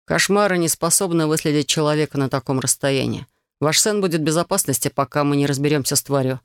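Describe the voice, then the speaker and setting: A man's voice: on the high side, fast talker, clean tone, no echo, studio quality, close to an everyday voice. A man voicing a chilled young male painter who speaks in a formal, reassuring official tone in an audiobook. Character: young male painter, cold, dutiful, polite.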